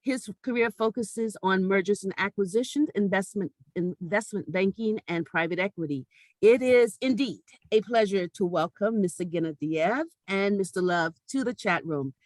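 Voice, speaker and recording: A woman hosting an online talk show, giving a formal, measured introduction of her guests over a video call. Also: mid-range voice, dry recording, low-quality recording.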